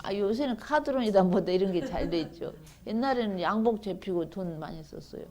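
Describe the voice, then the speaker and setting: A woman's voice: medium pitch, lively intonation, a little fast, a little mellow. A middle-aged woman giving a seminary bible lecture, chatting with students and reading scripture aloud with emphasis.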